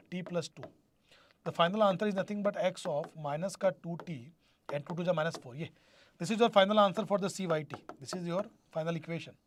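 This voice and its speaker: A man's voice: sits high, slight background noise. A man with a North Indian accent teaching a live online exam-prep class, repeating himself and prompting students with questions. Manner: repetitive, question-prompting, addresses students directly.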